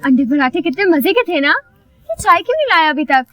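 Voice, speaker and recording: A woman's voice: high voice, big pitch swings, fairly quick, fairly bright tone, no room sound, faint music behind. An actress playing a spoiled, dramatic young newlywed wife in a TV drama, demanding and dropping English words into her talk. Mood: fussy. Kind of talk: TV drama acting.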